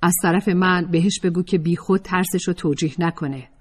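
A woman's voice: on the low side, steady tone, breathy edge. A woman narrator voicing a friendly young woman student who talks in a confiding, gossipy way.

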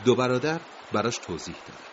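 A man's voice: mid-range voice, animated, a little hiss or hum. A man narrating a dramatic story in a grave, emotive voice, in a dull lo-fi recording.

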